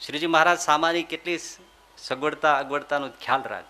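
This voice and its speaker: A man who preaches through humorous stories, animated and acting out the characters. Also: a little high, a little fast. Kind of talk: storytelling sermon.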